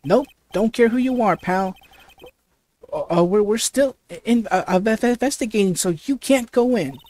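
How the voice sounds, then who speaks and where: A woman voicing a bumbling male police detective in a game, halting and stammering. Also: on the high side, dark tone, voice pushed up, close to an everyday voice. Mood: flustered.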